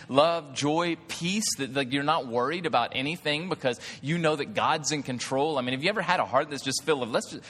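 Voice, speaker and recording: Animated man preaching in a hall. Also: a little high. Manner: conversational, animated preaching with lots of "like" and questions to the congregation. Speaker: pastor. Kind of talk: sermon. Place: church hall.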